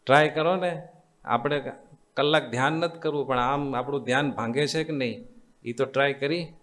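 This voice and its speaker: A man's voice: mid-range voice, normal speed, fairly bright tone. A man with a Gujarati accent giving a devotional sermon as a swami, teaching in a coaxing, repetitive way and quizzing his listeners with call-and-response questions. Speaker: swami giving a religious discourse. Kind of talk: devotional sermon to a live assembly.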